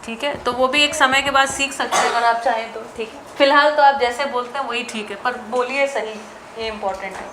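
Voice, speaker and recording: A woman teacher with an Indian accent, drilling English grammar sentences in a classroom lesson, slow and word by word. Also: a little high, bright, forceful tone, slight background noise.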